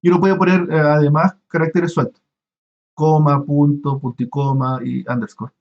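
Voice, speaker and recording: A man's voice: fairly high pitch, little pitch movement, muffled recording. A man teaching an online university class, explaining step by step with many fillers and restarts. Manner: halting, many restarts and fillers, asks students questions. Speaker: university lecturer.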